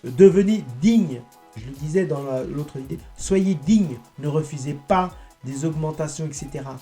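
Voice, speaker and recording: A man giving a rambling, indignant monologue to his viewers, halting and restarting as he goes. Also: fairly high pitch, mellow. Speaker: online political commentator.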